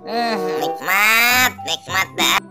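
A woman's voice: mid-range voice, drawn-out words, over music. A woman voicing Toing, a lazy, grumbling male ondel-ondel puppet who teases his crying friend. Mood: drowsy. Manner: grumbling, teasing, bossy.

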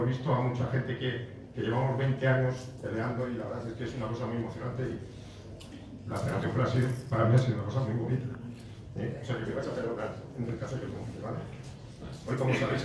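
A man's voice: mid-range voice, recorded from a distance. Emotional man speaking in an echoey hall. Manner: emotional, heartfelt, with repeated phrases and asides. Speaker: federation president giving a farewell speech. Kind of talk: formal farewell speech at a podium. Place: large stone-walled banquet hall. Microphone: podium microphone, recorded by a far camera. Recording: echoey hall recorded from afar, noisy.

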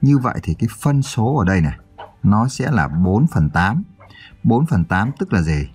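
A man's voice: on the low side, big pitch swings, normal speed, a little mellow, breathy edge, faint music behind. A male teacher giving a primary school math lesson, counting aloud and asking his pupils check questions.

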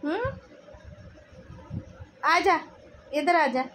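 A woman at home coaxing her cat in a soft, repetitive way, recorded on a phone camera. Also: high voice, animated, extremely slow, slight background noise, low-quality recording. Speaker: vlogger talking to her cat. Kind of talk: coaxing talk to a pet. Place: home indoors.

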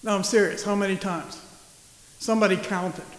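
Joking pastor in an echoey church. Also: male voice, high-pitched, fairly even intonation, moderate pace. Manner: conversational, joking. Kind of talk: sermon.

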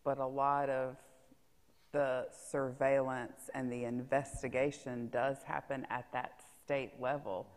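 A woman's voice: rumbling low, flat delivery, a little slow, big-room sound. A woman in her thirties, a state public health official, explaining things practically on a conference panel. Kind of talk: panel discussion. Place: conference stage in a large hall.

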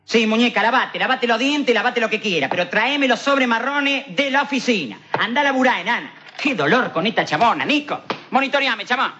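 A comic actor with a Rioplatense Spanish accent plays a cocky, streetwise hustler in a TV comedy sketch monologue, rambling in heavy slang, swaggering, and repeatedly asking "all right?" to check he's understood. His exaggerated voice is extremely high, pushed and bright, fairly quick with lively intonation, on dull lo-fi 1990s TV tape with faint hiss.

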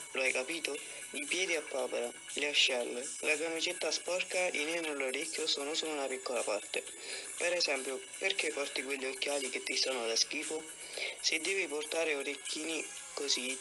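A man reading a horror story aloud as a student reader, steady with occasional stumbles. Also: fairly high pitch, poor audio.

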